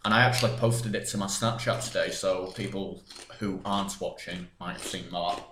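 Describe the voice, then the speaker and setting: A man's voice: deep voice, steady tone, moderate pace, noisy background. A young man co-hosting a podcast, teasing and blunt, swearing freely in casual chat. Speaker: podcast co-host. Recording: echoey room.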